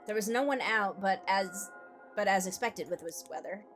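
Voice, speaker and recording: Speaking at a normal speed in a mid-range voice, this female game streamer reads a game's text aloud while playing, with music in the background. Her running commentary stays casual, dry, and wisecracking.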